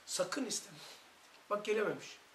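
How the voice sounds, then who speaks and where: A man's voice: sits high, normal speed. A man with a Turkish accent leading a religious study circle, talking with fervent, emphatic storytelling. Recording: echoey room recording.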